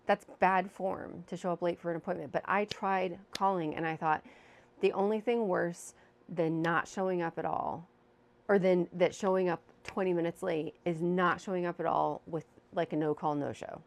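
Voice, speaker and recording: A woman with a fairly low voice and vocal fry vlogs from home, telling a candid personal story in a chatty, self-deprecating style. Her new microphone has a windscreen, and a fan can be heard running in the room.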